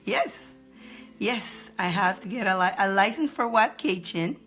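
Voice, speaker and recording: A cheerful woman runs a live card-reading stream, chatting warmly, encouraging viewers, greeting them by name, and laughing a lot. Her middle-pitched voice is husky, expressive, and a little slow, and she repeats phrases for emphasis while soft music plays faintly in the background.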